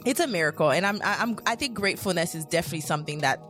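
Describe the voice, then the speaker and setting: Co-host: young woman, lower voice, earnest, clear music behind. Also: expressive, racing, fairly bright tone. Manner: earnest, reflective, repeats herself. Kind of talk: casual chat.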